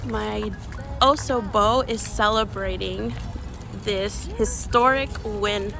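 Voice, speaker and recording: A woman from Honduras vlogging in an earnest, halting way, restarting her sentences often. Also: mid-range voice, vocal fry. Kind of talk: casual reflective vlog talk.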